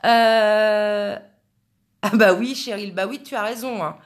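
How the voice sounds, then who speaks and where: In an echoey room, a woman with a medium-pitched voice runs a live craft tutorial, speaking slowly and steadily. She chats as she works and replies to viewers in the chat by name.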